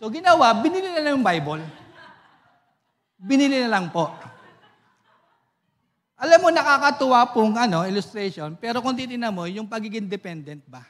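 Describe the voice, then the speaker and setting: A man's voice: very high-pitched, moderate pace, long pauses. A male pastor preaching a sermon at a church service, telling stories with a laugh and asking the congregation for amens. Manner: lively storytelling, laughs often, asks the congregation for amens.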